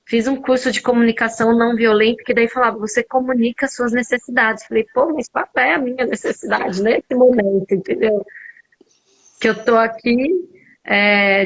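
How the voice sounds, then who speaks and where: A woman with a Brazilian Portuguese accent speaks in a relaxed, conversational way, sharing a personal story with a circle of listeners. Her voice sits a little on the high side, and she keeps sprinkling in small verbal fillers as she goes. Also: rough recording. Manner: chatty, full of fillers like "né" and "cara".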